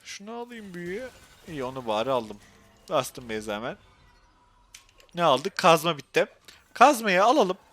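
A young man with a Turkish accent commentating his own gameplay on a live stream, excitable and quick to go from muttering to frustrated outbursts. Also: on the high side, no room sound, soft background music.

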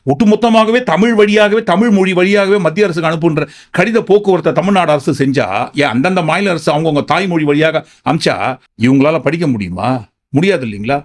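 A man giving political commentary, sarcastic and firing off rhetorical questions. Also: high voice.

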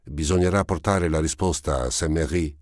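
A man voicing a grave older man who speaks in a calm, terse way in an audiobook. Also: extremely low pitch, moderate pace, no room sound, studio quality. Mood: guarded. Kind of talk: audiobook character voice.

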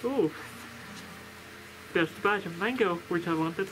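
A speaker from Estonia talks through a costume head, chatting casually and haltingly while unboxing snacks, often thinking aloud and restarting sentences. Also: medium pitch, noisy background. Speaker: vlogger opening a fan's snack package. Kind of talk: casual unboxing and taste-test chat.

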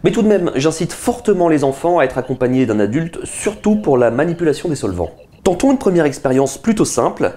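A man in his thirties with a darkish voice on the high side hosts a science video, sitting at a table in a small indoor room. He explains and performs a chemistry experiment at his desk, teaching in an enthusiastic, chatty way.

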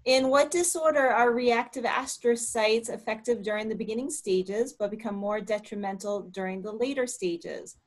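A woman's voice: a little high, normal speed, hardly any pauses. Encouraging woman hosting an online poll. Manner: friendly, encouraging, reads poll options aloud. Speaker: webinar host. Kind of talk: hosting an online talk, running polls.

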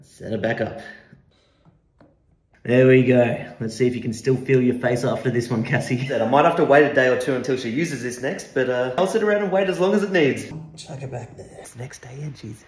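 A man's voice: medium pitch, a little fast. A young man, hosting a prank video, narrating and teasing with frequent laughter. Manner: teasing, laughs often, mocking. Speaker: prank channel host. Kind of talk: playful narration and banter. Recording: echoey room.

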